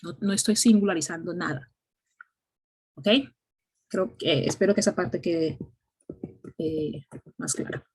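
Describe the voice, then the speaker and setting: A woman's voice: fairly low pitch, measured pace, long pauses, a little mellow, slightly rough. A woman teaching an English grammar class, explaining patiently step by step and often checking in with "ok?".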